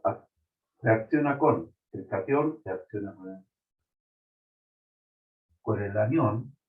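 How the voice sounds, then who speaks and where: A man teaching chemistry at an unhurried pace. He walks through each step and keeps checking that his students follow. His voice comes over a thin, phone-like video call line. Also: fairly low pitch, slightly rough. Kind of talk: online class lecture.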